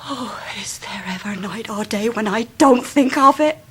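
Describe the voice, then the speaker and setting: High-voiced, imploring young Englishwoman. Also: unhurried, slightly rough. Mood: anguished. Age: young adult. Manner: imploring, emotional. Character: pleading, disgraced young working-class Victorian woman. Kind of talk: 1990s radio drama acting.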